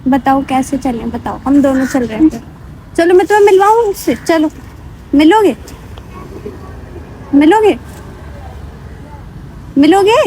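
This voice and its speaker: High-voiced young woman pleading softly. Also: lively intonation, a little fast, slight background noise, rough recording. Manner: pleading, soothing, repeats words. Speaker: vlogger. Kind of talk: emotional staged vlog conversation.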